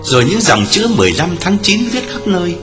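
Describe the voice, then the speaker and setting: A male narrator reading a story in a dramatic, expressive manner. His pitch rises and falls very freely from line to line. Music plays clearly underneath. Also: a little fast. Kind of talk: audiobook storytelling.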